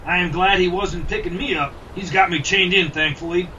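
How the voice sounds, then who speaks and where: A man's voice: sits high, steady tone, moderate pace, pushed and bright. A man voicing a sled dog in a team, in a children's audio drama. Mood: relieved. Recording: distant, muffled, faintly noisy recording.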